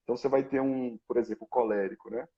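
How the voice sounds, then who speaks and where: A man explains things patiently and step by step in an easy conversational tone. The sound is muffled and lo-fi, as if from a modest home setup. His pitch sits in the middle for a man. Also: steady tone, mellow. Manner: measured, explains step by step with many "né". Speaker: guest expert on temperaments.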